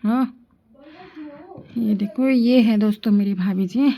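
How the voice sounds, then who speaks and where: Warm and medium-pitched, her voice moves slowly with some vocal fry. Casually narrating a family vlog, the young woman from the Indian hills walks her audience through the day, chatting as she shows and explains what's happening.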